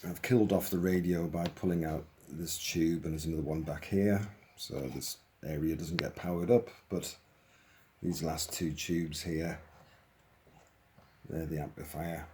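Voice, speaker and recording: A man with a low, darkish voice gives an informal, hands-on demonstration as a hobbyist presenter, thinking aloud while he explains. His intonation is fairly even and his pace measured, with faint noise behind him.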